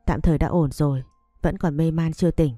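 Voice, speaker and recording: Calm firm young noble guy read by a woman, low mellow voice, dry close sound w/ faint music. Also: fairly quick, no room sound.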